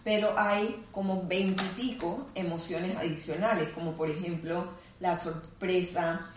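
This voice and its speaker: Low-voiced woman psychologist in a roomy space. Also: noisy background. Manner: calm, measured, teacherly. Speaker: clinical psychologist guest. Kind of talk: explanatory conversation. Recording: roomy sound from a distant mic.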